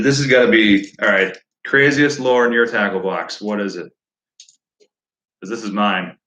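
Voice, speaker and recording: A man's voice: fairly low pitch, a bit bright. Laid-back fishing guy on a live stream, lots of uh and um, kinda echoey. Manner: rambling, easygoing, many fillers. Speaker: fishing channel host. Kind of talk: casual live stream chat. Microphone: no lapel mic.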